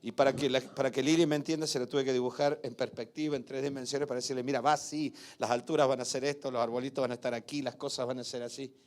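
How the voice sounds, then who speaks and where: Older male pastor in a church, mid-pitched, storytelling sermon that swells loud on key points. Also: fairly even intonation, fast, hardly any pauses.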